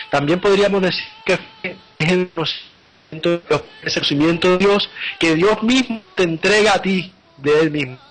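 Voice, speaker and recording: A man's voice: a little high, fairly bright tone, low-quality recording. A man preaching a live sermon, earnestly retelling scripture and often repeating and restarting his phrases.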